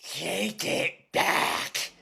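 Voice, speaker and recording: A man's voice: high voice, expressive, normal speed, sharp tone. A man playing a petulant, stubborn oddball with a tense manner in a comedy skit. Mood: petulant, seething.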